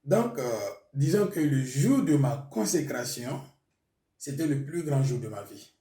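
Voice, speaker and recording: In this testimony interview, a Mooré-speaking man from Burkina Faso, a pastor, tells his story hesitantly with many fillers. He speaks at medium pitch, expressive, mellow, and unhurried, picked up by a distant mic in a room full of echo.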